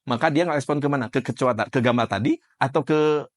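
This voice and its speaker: A man's voice: mid-range voice, a little fast. A man giving a conversational classroom lecture as an NLP trainer, quizzing participants by name and explaining with everyday examples.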